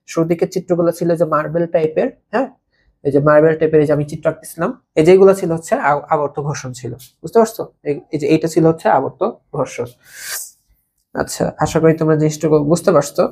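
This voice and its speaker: A woman's voice: on the low side, mellow, husky. Woman teaching physics, checking in often. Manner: conversational, keeps checking understanding with questions; repeats key terms for students to note down. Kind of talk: recorded video lecture for school students.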